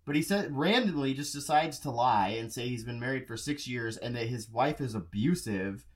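A man's voice: mid-range voice, moderate pace. A young man co-hosting a podcast, chatting casually and jokingly about a movie and laughing often. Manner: animated, laughs often, jokey. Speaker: podcast co-host. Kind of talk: casual movie review chat.

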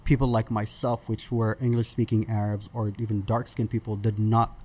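A man in his thirties, born in Sudan, who tells the story of starting his podcast as a guest on an interview show, speaking in a relaxed, conversational way with many fillers and restarts. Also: lowish voice, moderate pace.

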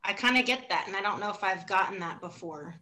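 A woman with a bright, sharp-edged voice chats casually on a podcast. She rambles and laughs as she hunts for the right words to describe a drink. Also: mid-range voice, fast, poor audio. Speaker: podcast co-host. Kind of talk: casual chat.

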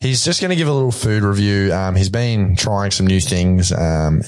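A man's voice: lowish voice, animated, moderate pace, darkish tone. An Australian man hosting a podcast in casual, rambling talk that often hesitates. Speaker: podcast host. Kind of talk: casual chat.

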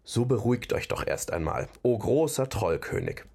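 A man voicing a calm, diplomatic male companion who speaks in a measured, placating way. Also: medium pitch. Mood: soothing.

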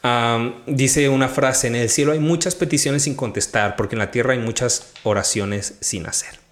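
Man telling a lively faith story. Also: medium pitch, normal speed. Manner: animated storytelling, quotes his own prayers. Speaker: devotional podcast host. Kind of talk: conversational testimony.

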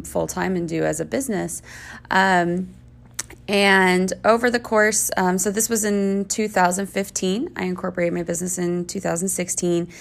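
Gravelly low-voiced woman business owner. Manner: reflective, with frequent ums and restarts. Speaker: guest, small business owner. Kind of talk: podcast interview.

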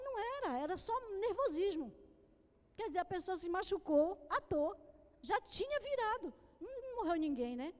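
A woman preaching a sermon, telling a personal story in an animated way and acting out frightened cries. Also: very high voice, big-room sound.

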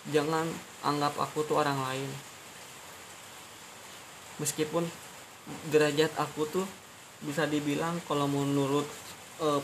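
Male podcast host, sincere stop-start monologue, monotone delivery, hissy recording. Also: on the high side. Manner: halting, earnest, repeats phrases and restarts often. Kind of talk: personal monologue addressed to his girlfriend. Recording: steady hiss behind the voice.

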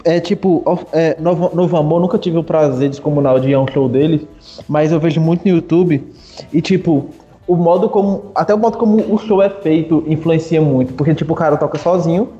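A man with a mellow, slightly high voice chats casually about concerts, full of easy slang. His sound is roomy and a bit dull, like a home call mic, with faint music behind. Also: a little fast. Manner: relaxed, slangy, enthusiastic. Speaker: podcast co-host. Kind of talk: casual chat. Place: remote video call.

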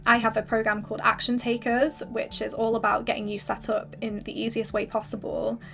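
A woman hosting a solo podcast with casual, rambling, encouraging advice, her voice slightly hoarse as if she is losing it. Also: fairly high pitch, level tone, brisk, pushed and bright. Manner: informal, filler-heavy, rambling encouragement. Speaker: podcast host and creative business coach.

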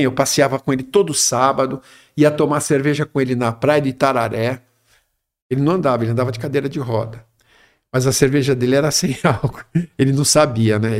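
Gravelly middle-aged man telling a story. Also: mid-range voice. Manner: rambling, tags phrases with "né?". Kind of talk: casual storytelling.

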